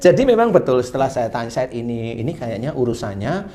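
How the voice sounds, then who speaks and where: Animated preacher telling a story. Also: male voice, mid-range voice, fairly quick, heavy background noise. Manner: animated, acts out dialogue with a patient. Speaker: Islamic preacher. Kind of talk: sermon storytelling.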